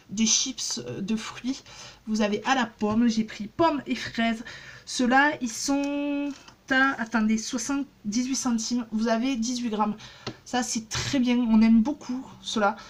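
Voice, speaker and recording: Chatty woman vlogger, slightly high voice. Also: steady tone, measured pace. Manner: chatty, many fillers and restarts. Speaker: beauty vlogger. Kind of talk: casual haul vlog.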